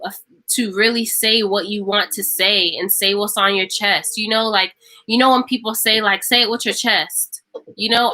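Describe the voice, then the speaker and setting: A woman's voice: medium pitch, pushed and bright, rough recording. A woman giving a casual tarot reading to camera. She talks emphatically and repeats phrases for stress. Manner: acts out imagined speech. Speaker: tarot reader.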